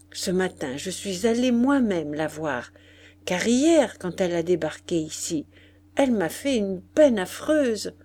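A woman's voice: medium pitch, dark tone. A woman reading aloud, voicing a chatty, gossipy innkeeper woman telling her story.

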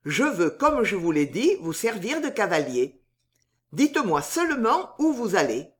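A woman's voice: medium pitch, big pitch swings, measured pace. A woman voicing a gallant, flowery young male poet in a spoken storybook, with grand, pleading declarations.

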